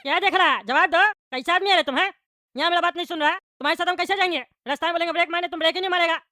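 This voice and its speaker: A woman voicing a loud, bossy, bald male small-town politician, scolding and firing off questions in a comic cartoon. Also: very high-pitched, racing, noisy background.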